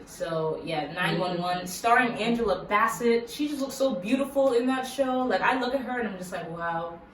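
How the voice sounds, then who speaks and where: A woman's voice: on the high side, moderate pace. A young woman from Massachusetts, chatting casually and giggly in a Q&A vlog, filled with "like". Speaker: YouTuber. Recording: echoey room, mic at a distance, faint hiss.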